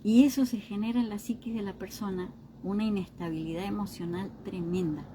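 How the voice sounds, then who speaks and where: A woman's voice: mid-range voice, steady tone, brisk, noisy background. A woman giving an informal teaching talk on emotional healing. She keeps checking in with her listeners through short questions. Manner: acts out other people's remarks in quoted voices.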